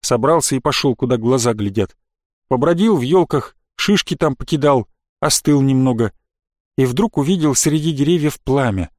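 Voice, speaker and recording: A man reading an audiobook story in the first person, with a lively, wry delivery. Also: mid-range voice, normal speed, no room sound, clean studio sound. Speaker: audiobook narrator.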